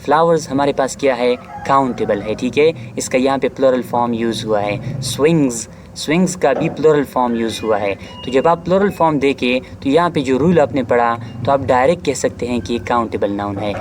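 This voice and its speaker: Man, teacher, grammar lecture, middle pitch, explains step by step, slight background hiss. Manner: explains each word, often adds "theek hai"; reads English lines slowly and deliberately. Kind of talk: exam-prep grammar lecture.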